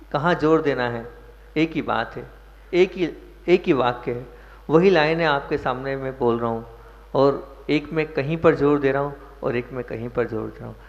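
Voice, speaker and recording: A man giving a sermon as a Jain monk, explaining verses and putting questions to his listeners. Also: mid-range voice. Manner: explains verses, asks the audience questions, stresses words. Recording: muffled echoey hall recording.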